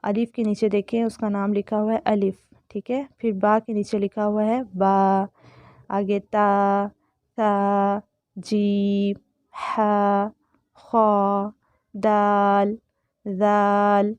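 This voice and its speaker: A woman's voice: mid-range voice, completely flat delivery, a little mellow, no echo, muffled recording. A woman with a Pakistani Urdu accent giving an online lesson, patiently explaining Arabic letters and voicing each letter sound aloud. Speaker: Quran recitation teacher.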